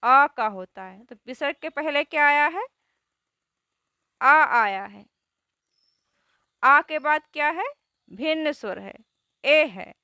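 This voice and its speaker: A woman teaching a grammar lesson who asks questions and answers them herself, spelling out words slowly. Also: high-pitched, animated, bright, forceful tone, no echo.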